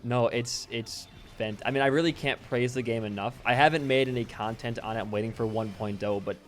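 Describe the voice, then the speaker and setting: Chatty teenage podcast co-host. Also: male voice, mid-range voice, steady tone, fairly quick, faint music behind. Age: teens. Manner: chatty, laughs often, trails off quietly. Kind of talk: casual podcast chat.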